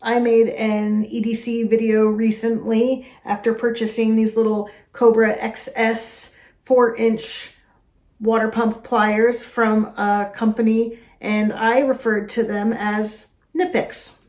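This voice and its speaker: A woman's voice: a little high, flat delivery, slow pace, darkish tone. Chatty American woman, roomy echo. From United States. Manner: chatty, self-deprecating, with frequent fillers. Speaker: host. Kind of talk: casual vlog talk to camera.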